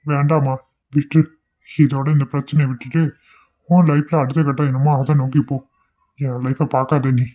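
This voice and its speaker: A man's voice: mid-range voice, flat delivery, normal speed, lightly acted. A man playing a resigned young man, tinny sound. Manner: resigned, pleading. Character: weary young man giving up on love.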